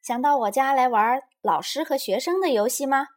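A woman's voice: high voice, moderate pace, pitched above the performer's own voice, close to an everyday voice. A woman doing a bossy little girl playmate. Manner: bossy, commanding. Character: bossy young girl playmate who loves bragging.

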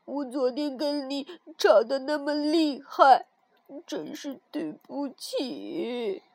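A woman voicing an impulsive, emotional young male frog in a storybook reading, with loud, excitable outbursts. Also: high-pitched, slow pace, no echo. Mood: tearful. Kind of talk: storybook character voice.

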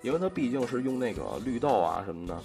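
A man's voice: medium pitch, sing-song, fast talker, warm tone. A man with a Beijing accent chatting casually on a panel, explaining things colloquially with rolled erhua endings. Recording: music playing behind the voice. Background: music.

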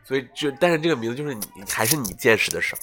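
A man's voice: mid-range voice, racing. A young man hosting a casual podcast chat, telling a story and acting out the quoted lines. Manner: animated storyteller, acts out quoted dialogue. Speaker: podcast host.

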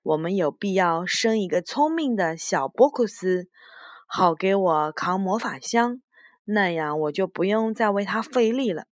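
Woman reading as a loud, hot-tempered male magician, bossy and demanding, voice rising in shouts, dry close sound, storybook. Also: medium pitch, animated, unhurried, no echo, lightly acted.

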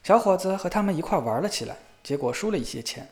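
Male fairy-tale narrator, expressive, slightly high voice. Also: fast. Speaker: storyteller.

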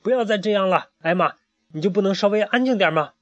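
A man voicing an eager, cheerful young male duck who repeats words in an excited rush, on a muffled recording. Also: sits high, quick pace, no room sound, voice pushed up, close to an everyday voice. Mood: pleading.

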